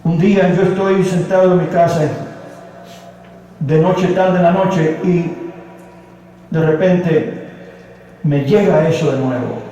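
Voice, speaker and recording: A man's voice: on the high side, slow pace, pauses often, warm tone. A man preaching, telling his own conversion story in an earnest, emotional way, in a church. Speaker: pastor. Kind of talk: sermon, personal testimony. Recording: echoey hall, from a distance.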